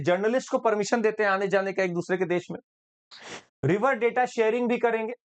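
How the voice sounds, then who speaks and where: Chatty, joking male current affairs teacher. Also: high-pitched. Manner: chatty, lively, joking, mixes in English phrases. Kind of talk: lecture.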